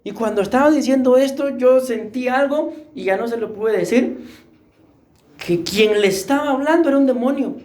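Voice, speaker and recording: A woman preacher with a Costa Rican accent, delivering an animated, humorous sermon to a congregation. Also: high-pitched, moderate pace. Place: church hall. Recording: echoey church hall.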